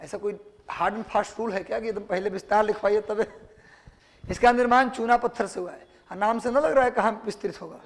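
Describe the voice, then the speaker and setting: A man with a Bihari Hindi accent delivers a classroom lecture in a notably high voice. He quizzes his students constantly and repeats each answer for dictation. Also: steady tone, fairly quick. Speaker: teacher.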